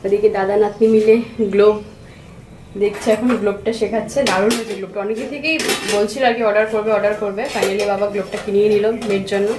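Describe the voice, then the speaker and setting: A woman's voice: mid-range voice, steady tone, quick pace, noisy background. A woman in her thirties from Bengal, chatting casually to viewers as she does housework and cooks at home. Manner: chatty, explains chores to viewers. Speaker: vlogger and homemaker. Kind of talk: casual vlog narration. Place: home kitchen.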